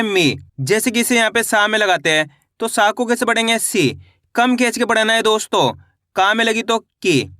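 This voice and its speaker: High bright-voiced male teacher. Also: no echo, clean studio sound. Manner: repetitive, asks and answers own questions. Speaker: Hindi teacher. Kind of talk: online lesson.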